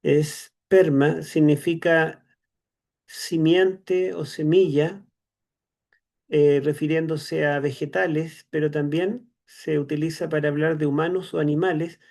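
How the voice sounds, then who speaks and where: A Chilean man lectures on scripture to an online class. His voice sits a little high and has a gravelly edge, and he explains slowly, filling pauses with "eh" and checking in with tag questions. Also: steady tone, a little mellow. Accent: Chilean Spanish. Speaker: seminary teacher.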